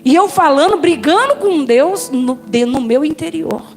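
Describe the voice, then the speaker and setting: A Brazilian woman pastor giving a personal testimony, telling her story in a lively way and addressing the listeners as brothers and sisters. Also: sits high, measured pace. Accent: Brazilian Portuguese.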